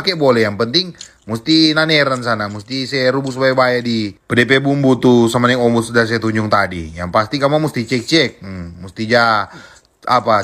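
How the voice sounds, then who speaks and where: A man's voice: medium pitch, fairly bright tone. A man with a Manado Malay accent from North Sulawesi, chatting casually and playfully to viewers as a food vlog host, talking while chewing. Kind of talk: casual mukbang chat to viewers.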